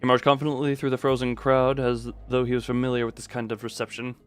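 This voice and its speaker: A man livestreams commentary over a story game, reading it aloud with drama and breaking in with animated, incredulous asides and some swearing. His mid-range voice is fast and clean, with faint music playing behind.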